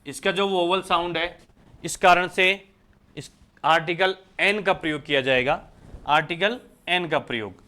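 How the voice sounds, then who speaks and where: A man's voice: on the high side, measured pace, pushed and bright. A man from India teaching English grammar in a lecture, who keeps asking the class questions and answering them himself. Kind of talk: Hindi lecture explaining English articles.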